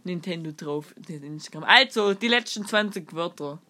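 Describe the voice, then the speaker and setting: A young woman co-hosting a playful sketch podcast, bossy and giggly, swinging between shouts and whispers. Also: lowish voice, lively intonation, normal speed. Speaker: podcast co-host.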